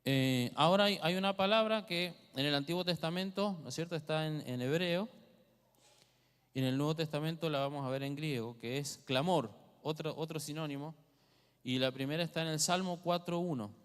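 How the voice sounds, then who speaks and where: This preacher's fairly high, smooth voice moves at a moderate pace through a teaching sermon in Argentine Spanish. He asks the congregation questions throughout, and his words ring with the long reverb of the church hall.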